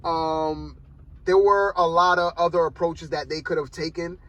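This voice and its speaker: A man talks through a film review in a laid-back, meandering way, leaning on "like" and "man" as he goes. His voice sits high and has a sharp, bright edge. He is recording from the driver's seat of his car. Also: fairly even intonation, normal speed, no echo, rough recording. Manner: rambling and loose, peppered with "like" and "man". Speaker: movie reviewer. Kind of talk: casual spoken film review. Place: inside a parked car.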